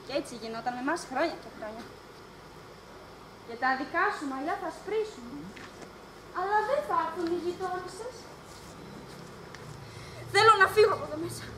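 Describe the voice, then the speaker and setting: A woman's voice: very high-pitched, pauses often, background noise. A woman on stage playing a mad old grandmother who longs for babies, rambling in a singsong and giggling, recorded live and echoey. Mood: dreamy. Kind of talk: amateur stage acting.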